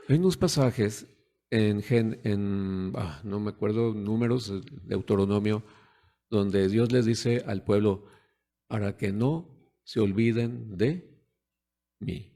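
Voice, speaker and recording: A man's voice: lowish voice, dark tone. A man preaching a sermon in a conversational way, putting rhetorical questions to the congregation and acting out the voices of parents and children.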